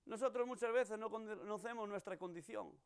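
A man's voice: sits high, normal speed, gravelly, smooth. A man preaching a sermon, telling stories and acting out the voices he quotes. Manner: storytelling, acts out quoted voices.

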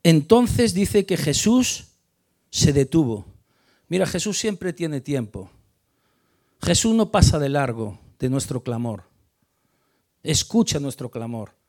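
Gravelly preacher. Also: male voice, a little high, sing-song, slow pace, pauses often. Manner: emphatic, builds to loud stressed peaks then drops quiet; repeats words and restarts mid-phrase. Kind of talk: sermon on a Bible passage.

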